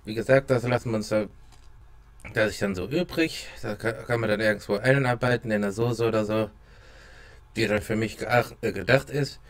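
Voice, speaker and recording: A young man talking casually to camera at a close mic, halting, his mouth burning and watering from spicy food. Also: fairly low pitch. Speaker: vlogger doing a hot chili taste test. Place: small dim room at home. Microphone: close desk microphone with pop filter.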